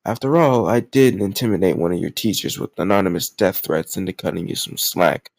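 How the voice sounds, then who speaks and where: Studio quality with no room sound, a man's low, slightly mellow voice moves fairly quickly with lively intonation. In an intimate audio drama roleplay he's a lovesick, possessive yet awkwardly doting kidnapper, addressing the listener with rambling reassurance in a tender, sheepish mood.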